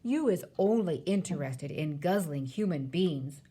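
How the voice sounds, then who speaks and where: A woman's voice: on the low side, expressive, a little slow, dark tone, slightly rough. A woman voicing a timid, nervous male giant, the runt of his kind, protesting in a children's storybook. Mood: evasive.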